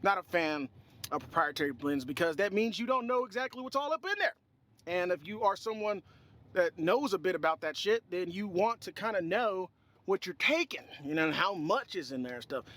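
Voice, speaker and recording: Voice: mid-range voice, big pitch swings, fairly quick, fairly bright tone. A person in their twenties chatting casually in a workout vlog, with slangy talk and swearing. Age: 20s. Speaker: gym vlogger. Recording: music playing behind. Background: music.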